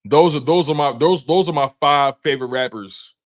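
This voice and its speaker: A young man in his twenties hosts a sports live stream, bantering casually with viewers in slang and often circling back to restart or repeat what he says. He's on the higher side and talks at a normal speed.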